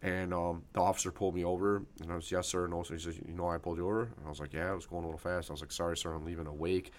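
A man with a low voice hosts a casual podcast chat. He tells his stories at a quick clip, rambling along and acting out what people said. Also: level tone. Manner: rapid, rambling anecdotes with acted-out quotes. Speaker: podcast host.

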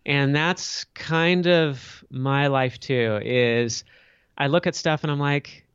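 A man's voice: mid-range voice, takes it slowly, fairly bright tone, smooth, no echo, muffled recording. A middle-aged man, an entrepreneur guest on a podcast, telling his story candidly and reflectively, picking up energy when he makes a point. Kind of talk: candid storytelling interview answers.

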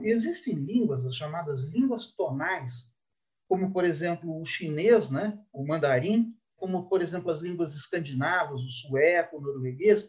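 A man, a linguist guest, explaining patiently and methodically in an interview. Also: high voice. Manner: didactic, measured, lively intonation. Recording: dull lo-fi audio.

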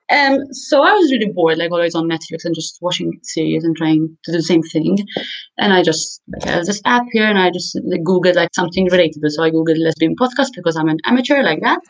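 A woman in her late twenties speaks with a Maltese accent. Her voice sits a little low for a woman. She talks in a casual, informal interview style, the way a podcast guest chats. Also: low-quality recording. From Malta.

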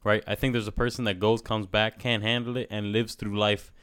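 Male, lowish voice, talkative and emphatic casual conversationalist, close dry sound. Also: level tone, fairly quick, a bit bright, clean tone, no echo. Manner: emphatic, talkative, says "bro" often.

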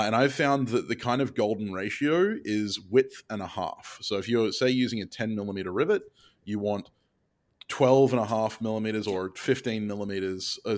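A man giving casual, plain-spoken instruction as a blacksmith podcast host. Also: fairly low pitch.

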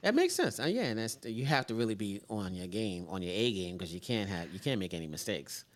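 A man hosting a casual interview, repeating phrases and filling pauses with um and you know. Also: fairly low pitch, sing-song. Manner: repeats words, laughs, many fillers. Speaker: interview host.

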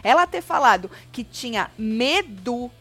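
A woman with a Brazilian accent co-hosting a casual web show, frank, slangy and animated as she gives her opinions. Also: fairly high pitch, a little slow. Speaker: web TV co-host commenting on a reality show. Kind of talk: casual chat commentary.

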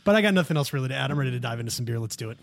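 A man's voice: medium pitch, lively intonation, racing. A man co-hosting a podcast in casual chat, joking and loose with his language. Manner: joking, wisecracking, profane. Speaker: podcast co-host.

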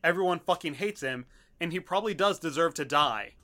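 A man's voice: fairly high pitch, animated, fairly quick, sharp tone. A man on a casual podcast chat, ranting and swearing as he explains things.

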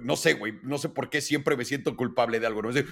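Man, late 30s, Mexican accent, podcast co-host, casual chat, animated, slangy. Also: medium pitch, quick pace, gravelly. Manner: animated, swearing slangy storyteller.

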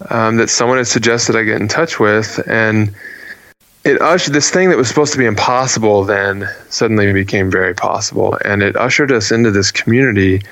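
Low-voiced man telling a story earnestly. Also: brisk, fairly bright tone, dry recording, low-quality recording. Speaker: guest. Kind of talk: storytelling in a casual interview.

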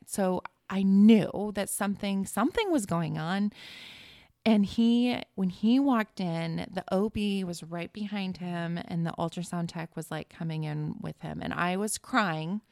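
A woman's voice: medium pitch, darkish tone, no echo, clean studio sound. A woman guest in a podcast interview, recounting a personal story in an earnest, emotional way with many restarts.

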